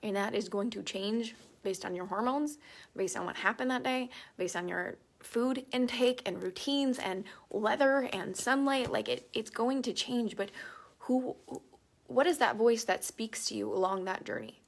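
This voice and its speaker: A woman coach giving a live-stream self-help talk, soft and reflective, often half-whispered. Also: fairly high pitch, lively intonation, unhurried, creaky.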